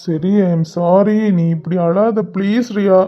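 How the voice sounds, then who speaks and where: A soft-spoken young man in a cartoon, voiced by a performer coaxes and pleads in a mid-pitched voice with a Kanyakumari Tamil accent. The audio is a little dull and lo-fi. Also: slow pace, natural voice. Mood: pleading. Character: gentle young man, apologetic husband and caring brother. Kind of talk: cartoon voice acting.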